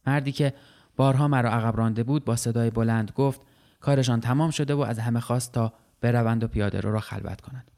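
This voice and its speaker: Man calmly reading a literary story. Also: mid-range voice. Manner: measured, steady literary reading. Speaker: narrator. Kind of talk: scripted narration of a short story.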